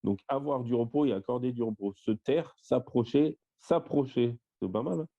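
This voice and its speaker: A man's voice: medium pitch, gravelly, dark tone. A man leading an online Bible study over a shared screen, listing word meanings one by one with plenty of fillers. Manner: lists word meanings in a slow, step-by-step way with fillers. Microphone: voice-call microphone. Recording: dull lo-fi voice-call audio.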